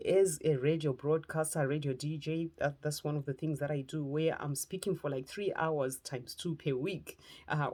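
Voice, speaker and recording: A woman's voice: sits low, a little mellow. Zimbabwean-accented woman, preacher and motivational speaker, sincere testimony delivered phrase by phrase. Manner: earnest, heartfelt, speaking in short phrases. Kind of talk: personal testimony talk.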